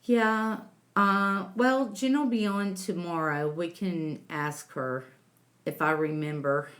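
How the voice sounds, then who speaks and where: A woman's voice: fairly low pitch, fairly even intonation, a bit bright. A woman hosting a casual livestream, chatting with viewers and calling them sweetie and honey. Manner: slow, homey, calls viewers sweetie and honey. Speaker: livestream host reading chat.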